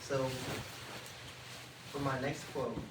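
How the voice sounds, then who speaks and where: A man's voice: mid-range voice, steady tone, slow. A man leading a casual student book discussion, reading out quotes and asking questions. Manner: reads out quotes, then asks questions. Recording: echoey room, far from the mic, noisy.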